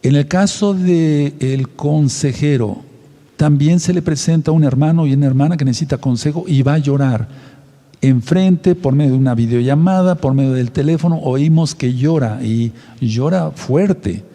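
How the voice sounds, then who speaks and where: A man's voice: on the high side, normal speed, dark tone, in a large hall. A man, a pastor and counselor giving a teaching sermon, repeating his points and asking the audience questions.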